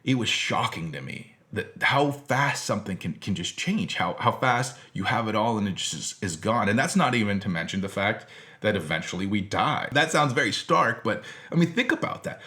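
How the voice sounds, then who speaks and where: An American teacher gives an informal philosophy lecture, speaking conversationally and emphatically and addressing his audience directly. His voice is fairly low, expressive and sharp in tone, at a normal speed.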